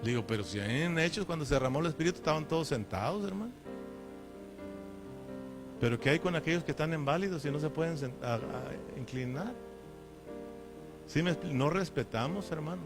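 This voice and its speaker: A man's voice: a little high, expressive, a little fast, pauses often, over music. A man preaching a sermon as pastor. He is emphatic, keeps calling his listeners brother, and asks them rhetorical questions. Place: church.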